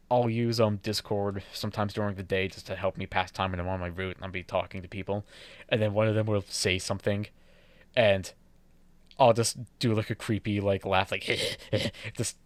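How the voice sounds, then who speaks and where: Low-voiced man rambling in casual chat. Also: no echo. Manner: rambling, laughs often, swears freely. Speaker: podcast co-host.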